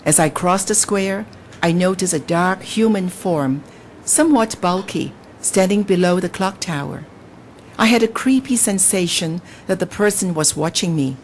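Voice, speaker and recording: This novelist guest, a Hong Kong woman who grew up speaking Cantonese, has a lowish voice. She reads a book passage with liveliness, then handles interview questions in a measured, hesitant way with frequent fillers. A faint hiss or hum is audible.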